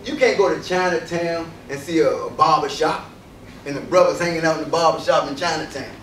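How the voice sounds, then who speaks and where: A man's voice: a little high, brisk, fairly bright tone, far from the mic, a little hiss or hum. Emphatic man speaking in an echoey hall. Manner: emphatic, rhetorical questions to the crowd. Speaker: invited speaker addressing a student audience. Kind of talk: public speech. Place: university lecture hall.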